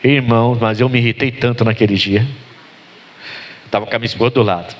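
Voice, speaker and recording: A middle-aged man with a Brazilian Portuguese accent, a pastor preaching a sermon and telling stories, swinging from low calm to loud emphatic lines. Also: a little fast.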